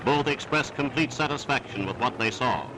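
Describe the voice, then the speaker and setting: A man's voice: medium pitch, moderate pace, very noisy. A man narrating an old wartime newsreel in an emphatic, declamatory style. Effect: old newsreel recording. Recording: newsreel narration over loud music. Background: music.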